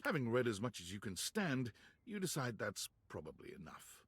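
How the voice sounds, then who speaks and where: A man voicing a calm game narrator, reading measured second-person narration. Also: mid-range voice, slightly rough, dry recording, clean studio sound, full character voice.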